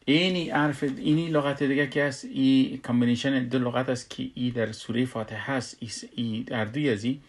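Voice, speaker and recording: Man drilling syllables slowly. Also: medium pitch, steady tone. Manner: drills syllables one by one, drawing out recited words slowly. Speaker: tajweed teacher. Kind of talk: recorded lesson.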